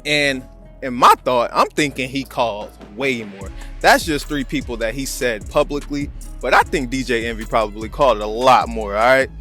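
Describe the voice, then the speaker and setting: This American-accented man has a medium pitch, moderate pace, and sharp tone. As a channel host, he offers slangy, conversational commentary on a video clip while music plays in the background.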